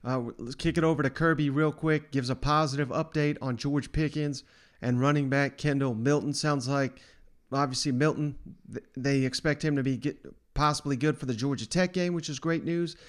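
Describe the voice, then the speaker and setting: A man's voice: fairly high pitch, fairly even intonation, normal speed. A man hosting a casual sports talk show in a chatty, folksy manner.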